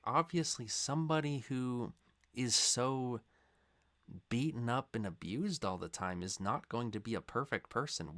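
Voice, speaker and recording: A young man hosting a reaction video, talking in a rambling, filler-heavy way that swings into loud, impassioned rants. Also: fairly low pitch. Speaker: reaction channel host. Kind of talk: casual reaction commentary.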